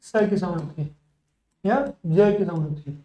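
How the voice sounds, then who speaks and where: A man teaching spoken English in a classroom, explaining words in Hindi, then saying each English example sentence slowly and carefully, often repeating words and asking the class questions back. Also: a little high, warm tone, reverberant, dull audio. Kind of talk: bilingual classroom lesson.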